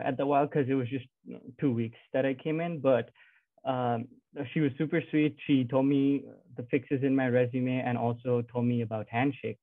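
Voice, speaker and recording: A young man talks in a friendly, casual way, pausing with "uh." His voice comes through a thin, phone-like line. The sound is dry, with no room echo. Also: mid-range voice. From Nepal. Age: young adult. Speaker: student panelist. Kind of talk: panel talk on a video call. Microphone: video call. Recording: dry, tinny phone-like video call audio.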